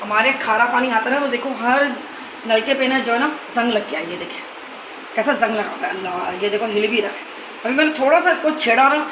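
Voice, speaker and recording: A middle-aged woman chats through a casual home vlog. She talks in an animated way as she walks about her rented house with a phone camera. Faint household noise sits behind her voice. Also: fairly high pitch, a little fast, echoey room. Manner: chatty and animated, retelling arguments. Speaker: vlogger.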